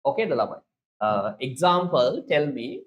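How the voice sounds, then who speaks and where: A man teaching an economics class, repeating key terms slowly and quizzing students. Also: mid-range voice, sing-song, highs cut off. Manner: repetitive, drilling key terms and questioning students. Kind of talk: online class lecture.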